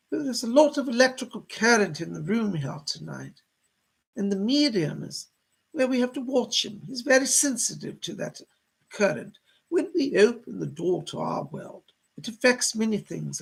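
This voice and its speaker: Man channeling a motherly female spirit, seance medium manner, very gravelly, husky, genteel, solemn, exhorting. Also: sits high, heavily acted. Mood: reassuring, genteel. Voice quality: husky, creaky. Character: Rose, gentle motherly old-fashioned female spirit guide. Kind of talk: seance medium trance channeling, addressing sitters with spirit messages.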